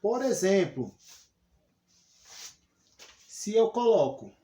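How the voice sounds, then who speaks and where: A man with a high-pitched voice and a Brazilian Portuguese accent gives a lesson. He explains patiently and keeps turning to his students to point things out. The sound rings around an echoey room. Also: big pitch swings, very slow, mellow. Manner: explanatory, addresses students directly with frequent "olha só". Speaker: teacher. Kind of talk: classroom lesson.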